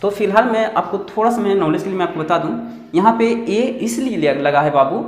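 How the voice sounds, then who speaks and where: A man's voice: high voice, brisk. A man teaching English grammar at a board, repeating points and putting questions to his class. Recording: echoey room with long reverb.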